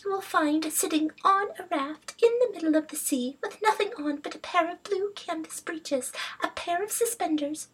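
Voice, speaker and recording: A woman voicing a small clever male fish in a children's storybook reading, with a high, breathy, soft voice. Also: normal speed, few pauses, rough recording. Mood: sly, polite.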